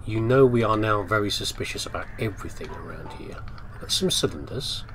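A British man doing a let's play thinks aloud through a video game in a very lively, swooping voice that sits lowish and moves a little fast. He is chatty and playful, muttering asides to himself, while light game ambience and noise play behind him.

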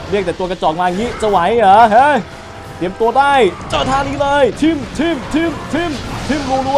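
Excitable high-voiced young man gaming. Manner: excitable, trash-talks enemies, frequent exclamations. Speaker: gaming channel host. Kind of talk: let's play commentary. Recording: loud game music behind voice.

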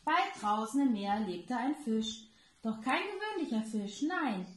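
A daycare educator, a woman, reading a children's story aloud slowly and clearly. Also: on the high side, big pitch swings. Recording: roomy echo.

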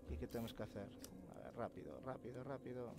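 A Castilian Spanish man from Spain, host of a let's play series, gives casual, sweary commentary on a horror game, muttering to himself. His mid-range, gravelly voice is animated and fast. Loud horror game ambience runs throughout, making the recording very noisy.

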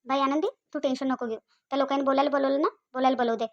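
A bossy elderly aunt from a village, fussing and reassuring in a Vidarbha Marathi accent, as a woman voices her. She talks quickly and her voice sits fairly high for an old woman. This is a cartoon role. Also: steady tone, lo-fi sound, natural voice. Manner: scolding, reassuring, drawn-out rural chatter. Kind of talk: cartoon voice acting.

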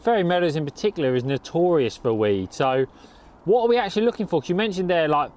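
A man's voice: fairly high pitch, big pitch swings, fast talker, a little mellow. A man, co-presenting in a chatty way, asking questions and talking to viewers, outdoors at a lakeside with a lapel mic. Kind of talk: casual presenting chat.

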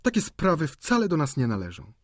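A man's voice: a little high, huge pitch swings, fairly quick, no echo, clean studio sound, pitched above the performer's own voice. A man voicing a prim, protective older woman guardian.

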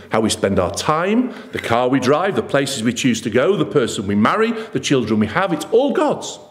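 A middle-aged man preaching a sermon at a lectern in a church, earnest and emphatic with rhetorical questions. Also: fairly high pitch. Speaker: pastor. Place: church hall with red curtains. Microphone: lectern microphone.

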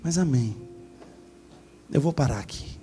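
A male pastor preaching a sermon in church, telling a story with animated shifts of voice. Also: measured pace, soft background music. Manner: animated storytelling, acting out voices with big pitch swings.

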